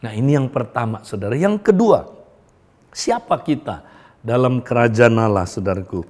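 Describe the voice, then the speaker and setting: A male pastor delivers a storytelling sermon in a voice of ordinary pitch. He keeps addressing his listeners directly, and his phrases often sink low and quiet at their ends. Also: lively intonation, normal speed.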